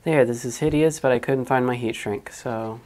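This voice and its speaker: A livestreamer with a mid-range, slightly mellow voice talks at normal speed while wiring a 3D printer in a small, hot room at home. They chat casually, mutter to themselves, and swear now and then.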